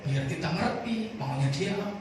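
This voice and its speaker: A man preaching to his congregation in a fairly high voice, lively and drawing the room into call-and-response. He sounds far from the mic in a very echoey hall, with steady noise underneath. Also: normal speed. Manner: animated, calls on the congregation to answer. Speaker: pastor. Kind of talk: sermon.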